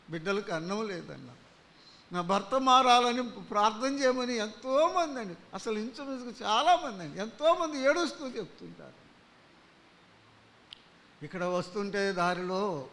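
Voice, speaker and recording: A man preaching a gospel sermon, impassioned, swinging from loud pleas to hushed storytelling. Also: sits high, a little hiss or hum.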